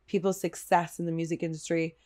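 A woman's voice: lowish voice, little pitch movement, quick pace, darkish tone. Laid-back woman rapper chatting. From Canada. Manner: laid-back, frequent laughs and likes. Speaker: rapper guest. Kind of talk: casual podcast chat.

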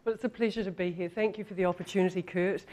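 A woman's voice: on the low side, fairly even intonation, quick pace, darkish tone. A middle-aged woman with a New Zealand accent gives a live talk as a marketing professor, conversational and repeating words for emphasis. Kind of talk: live presentation to an audience. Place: indoor lecture room, standing.

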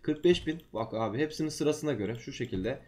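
A man's voice: medium pitch, lively intonation, a little fast, darkish tone. A man who has just woken up, giving casual, chatty game commentary to his viewers in an informal way. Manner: just woke up, slightly groggy-sounding voice. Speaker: gaming YouTuber, host.

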